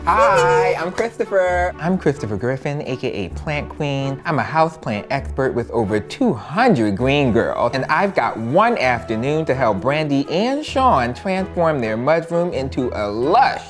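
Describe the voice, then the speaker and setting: A man's voice: a little high, sing-song, a little slow, hardly any pauses. A man hosts a home plant makeover in a campy, upbeat style. He leans theatrically on his words and talks playfully, as if to a darling. Music plays behind him. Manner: campy, playful, addresses people as darling and honey. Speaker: houseplant expert and makeover host. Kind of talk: upbeat makeover show presenting.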